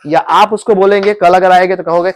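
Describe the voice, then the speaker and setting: High-voiced man teaching a class. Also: steady tone, a little fast. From India. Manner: drills students with repeated questions. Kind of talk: classroom grammar lesson. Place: classroom with students.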